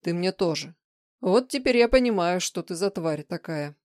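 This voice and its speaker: A woman voicing a grim, stubborn young man in an audiobook reading, answering in terse, flat lines. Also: fairly low pitch, normal speed, no echo, clean studio sound, close to an everyday voice. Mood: stern.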